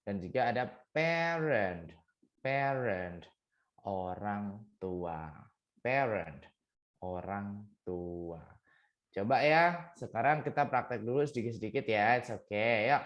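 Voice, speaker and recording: A male tutor teaching vocabulary in a slow, measured way, repeating each word several times so learners can follow. His pitch swings up and down in a lively, sing-song pattern, and he slips English phrases into his explanations. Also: dull audio. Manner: mixes English words into teaching talk. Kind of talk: online vocabulary lesson.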